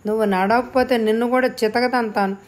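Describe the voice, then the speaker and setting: Woman doing a shouting bully of a father. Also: on the high side, steady tone, brisk, close to an everyday voice. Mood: angry. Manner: scolding, barking orders. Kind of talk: audiobook character reading.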